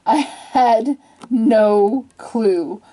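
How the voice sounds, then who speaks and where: A woman's voice: on the high side, very slow, warm tone. Giggly, rambling woman telling a story. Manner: rambling, giggly and self-deprecating. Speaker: channel host. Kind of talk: casual story time.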